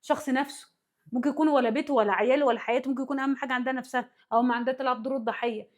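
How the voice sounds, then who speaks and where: A woman with an Egyptian accent teaches psychology at a rapid clip, in a slightly high voice. She works through examples one by one and keeps pausing to ask whether her listeners are following. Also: fairly even intonation. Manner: often checks that listeners follow; walks through worked examples. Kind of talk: spoken lesson.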